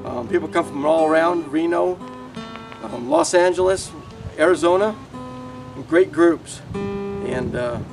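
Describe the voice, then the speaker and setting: A man informally announcing an event as its organizer, in a halting way. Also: a little high, creaky. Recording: distant mic, music behind. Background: plucked guitar music.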